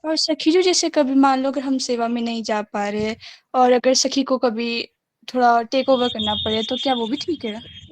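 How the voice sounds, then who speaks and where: Woman caller, high voice, polite and unsure, asking her question. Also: moderate pace. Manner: hesitant, polite. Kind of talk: asking a question on a live call.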